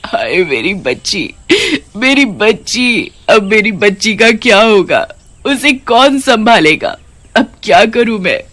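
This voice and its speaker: An anguished, motherly witch ghost in a cartoon story, as a woman reader puts her on. She pleads in an emotional, middle-pitched voice. The sound is dry and close to the mic. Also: moderate pace, no echo, natural voice.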